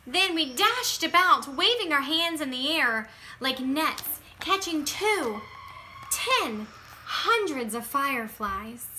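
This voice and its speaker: Stretching words for emphasis and swinging from whispers to outbursts, this woman gives a children's picture book a dramatic, expressive reading. She speaks slowly in a high voice, and there's a little hiss or hum in the recording.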